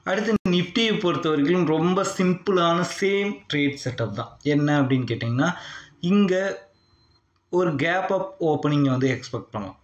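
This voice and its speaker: A Tamil-accented man explains a chart in a steady voice-over lesson. He reads out price levels one after another and keeps checking that the listener is with him. The sound is roomy and slightly dull. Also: on the high side, moderate pace. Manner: reads out long price figures in a steady list. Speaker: stock market trading teacher. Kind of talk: screen-recorded chart lesson. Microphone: voice-over on a screen recording.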